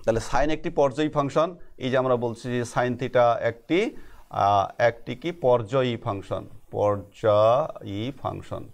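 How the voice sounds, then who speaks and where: A middle-aged man with a Bangladeshi Bengali accent teaching a math lesson, asking questions and answering them himself, spelling terms out slowly. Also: medium pitch.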